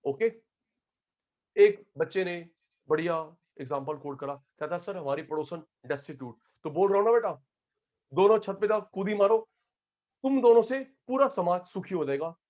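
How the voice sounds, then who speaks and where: High-voiced joking male teacher. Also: expressive, moderate pace, a little mellow. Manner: calls students by name, joking, drills terms. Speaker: economics teacher. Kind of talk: online class lecture. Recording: dull lo-fi audio.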